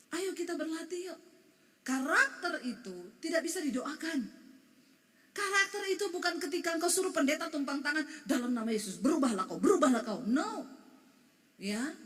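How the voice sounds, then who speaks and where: A woman pastor preaching a sermon, animated, acting out quoted voices. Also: on the high side. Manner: animated, shifts into quoted voices and crying tones. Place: church hall. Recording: long hall reverb.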